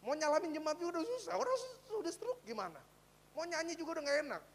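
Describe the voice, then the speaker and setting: A preaching pastor, a man with a high, light voice. He moves between loud calls to the congregation and quiet, close storytelling. A faint hum sits under the recording. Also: sing-song, quick pace. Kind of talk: sermon.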